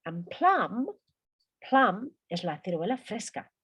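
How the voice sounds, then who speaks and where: A woman leading a language lesson, taking her time and letting her pitch rise and fall widely as she works through a vocabulary list. She says each word over and over as a drill before explaining it. Faint keyboard clicks sit in the background. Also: sing-song, fairly bright tone, a little hiss or hum. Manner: drills words by repeating them slowly, then explains. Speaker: English teacher. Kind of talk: online language class.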